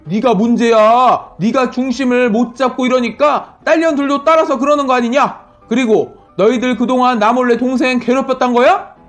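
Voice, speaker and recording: Gruff old father scolding his family in a storybook reading, as a woman reader puts him on, slow and loud. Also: sits high, faint music behind, lightly acted. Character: older stern father-in-law, scolding head of family.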